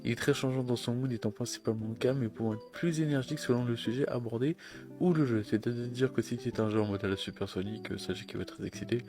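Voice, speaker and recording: A man's voice: medium pitch, quick pace. A man giving a casual, informal presentation as a presenter introducing a streamer. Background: background music.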